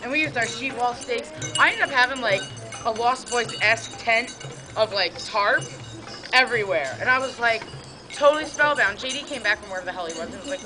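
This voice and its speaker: A woman with a hoarse voice telling a rambling, profane camping story to friends, acting out the people she quotes. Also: a little high, fairly quick, over music. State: hoarse, says she has no voice. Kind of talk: casual storytelling among friends. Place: outdoors at a campsite.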